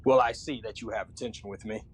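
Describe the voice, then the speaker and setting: A man playing a stern, commanding male angel warrior who speaks in a formal, challenging, measured way. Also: lowish voice, steady tone, husky. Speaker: player.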